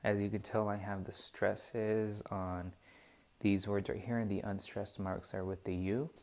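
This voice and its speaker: A man's voice: on the low side, little pitch movement, a little slow, darkish tone. A young man hesitantly walking through a poem's scansion as a student presentation, often restarting and doubting himself. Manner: hesitant, many fillers and restarts, self-doubting. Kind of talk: classroom walkthrough of poem scansion.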